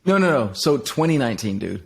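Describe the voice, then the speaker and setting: This middle-aged man from Denmark, a guest being interviewed, talks openly about his life with lots of fillers and restarts. His medium-pitched voice is creaky and husky, and he speaks briskly and very animatedly.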